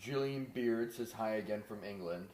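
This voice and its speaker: A young man reading viewer comments aloud during a live show, hesitant and pausing often on fillers. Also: fairly low pitch, darkish tone.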